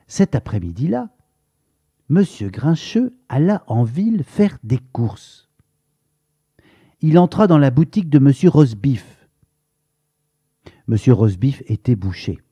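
A man reading a storybook aloud to children, animated and asking the listener questions. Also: mid-range voice, unhurried, pauses often, slightly rough, dry recording. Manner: lively, asks the listener questions.

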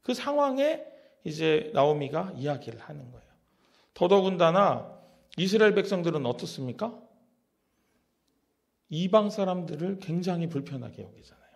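A man's voice: high voice, big pitch swings, normal speed, vocal fry, long pauses. A male pastor giving a conversational sermon, often asking his listeners rhetorical questions.

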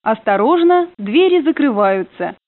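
A woman's voice comes over a train intercom, rather high and lively in its rise and fall. The sound is narrow and phone-like, with no room around it. She announces stops and door warnings in a polite, formal way. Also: a little slow, no room sound. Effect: played over a train intercom. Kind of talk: prerecorded transit announcements.

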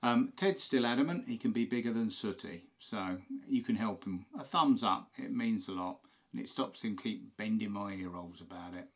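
A man's voice: fairly low pitch, lively intonation, normal speed. A man hosting a band video, chatting jokily to viewers and acting out a phone call in a music room. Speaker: band host. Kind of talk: casual chat.

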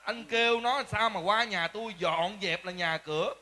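A man's voice: sits high, moderate pace, bright, forceful tone, slight background noise. A man with a Southern Vietnamese accent, playing an indignant, complaining neighbor in a comedy sketch.

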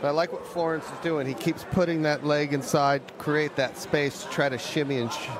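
A man's voice: on the high side, fairly even intonation, moderate pace. A man giving conversational technical analysis as a co-commentator at a live fight. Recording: crowd and venue noise behind. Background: arena crowd.

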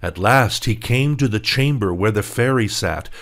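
A man narrating a fairy tale for English learners in a slow, clear and expressive reading. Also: lowish voice. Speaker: storyteller.

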